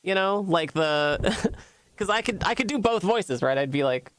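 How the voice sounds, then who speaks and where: A talkative man streamer, rambling through half-formed ideas with frequent restarts and laughter. His voice sits a little high for a man. The sound is dry and close, with no room echo. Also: expressive, fairly bright tone, smooth. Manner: rambling, halting, laughs often. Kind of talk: casual stream chat.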